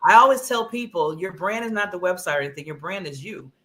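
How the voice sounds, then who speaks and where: A woman co-hosts a motivational talk show in casual chat. Her pitch moves lively up and down. She is effusive, laughs often and plays out quotes in put-on voices. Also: quick pace. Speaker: co-host, motivational speaker.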